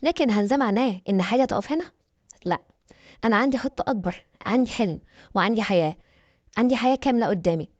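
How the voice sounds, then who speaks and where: An Egyptian woman tells a dramatic first-person story with emphatic delivery. She speaks fast in a fairly high voice. The sound is dry and a little dull. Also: animated, darkish tone, no echo.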